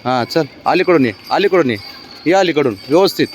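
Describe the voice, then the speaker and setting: A man's voice: on the high side, animated, fairly quick, slight background noise. A man coaxing his cat along in casual talk, calling out short words again and again. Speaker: cat owner vlogger.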